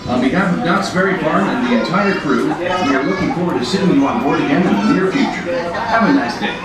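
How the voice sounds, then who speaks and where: A formal, polished ride announcement played over a speaker in a ride cabin. The voice rings with heavy echo and sounds distant from the mic, with a loud crowd around it. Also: female voice, deep voice, lively intonation, brisk. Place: amusement park ride cabin.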